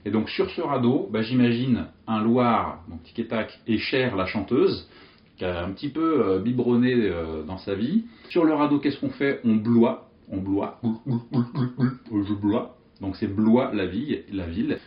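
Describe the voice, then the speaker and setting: Lively man explaining memory tricks. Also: medium pitch, normal speed, echoey room, highs cut off. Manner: lively, animated, jokey storytelling with vivid images. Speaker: memory coach. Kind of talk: explanatory teaching monologue.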